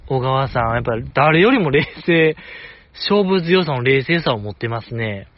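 On his casual solo podcast, a man rambles eagerly in fan-style commentary, sprinkling in mild jokes at his own expense. His medium-pitched voice has lively intonation and a moderate pace, and the sound is lo-fi.

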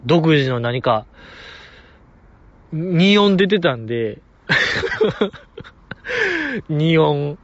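A man with a Kansai accent hosting a solo podcast, gushing like an excited fan and chuckling often as he talks. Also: a little high, extremely slow, pauses often, no echo. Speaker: podcast host. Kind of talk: casual solo podcast chat. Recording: dull lo-fi audio.

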